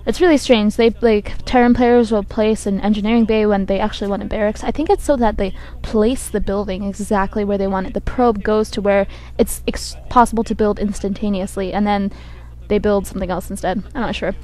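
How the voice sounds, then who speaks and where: A woman with a croaky voice from a cold gives hesitant esports commentary, thinking aloud as she goes. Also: mid-range voice, fairly even intonation, fairly quick, hardly any pauses, a little mellow. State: has a cold. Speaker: game commentator. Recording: buzzy microphone.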